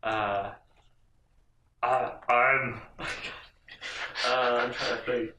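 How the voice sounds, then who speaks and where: A man's voice: mid-range voice, steady tone, drawn-out words, bright, forceful tone, echoey room, distant mic, slight background noise, poor audio. A man playing a tabletop role-playing game, talking casually with lots of hesitant stammers and restarts. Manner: hesitant, stammering, self-amused. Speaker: player.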